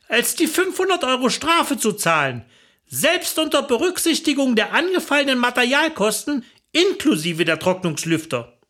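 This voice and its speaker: A woman's voice: sits high, fairly bright tone. A woman narrating a comic personal story in a chatty, wry manner.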